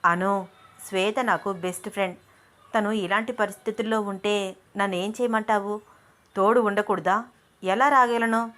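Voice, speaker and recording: A level-headed young man talks things through patiently and affectionately, as a woman narrator reads him. His voice stays close to the reader's own middle pitch, with an even, reasoning tone in an audio story. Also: normal speed, long pauses, close to an everyday voice. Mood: calm.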